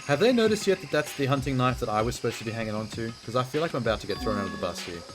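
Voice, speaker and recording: Speaking very fast in an expressive, medium-pitched voice, a man narrates his video game playthrough while game music plays behind him. He reads the game's text out loud, and his commentary is casual, blunt and exasperated, peppered with blunt asides.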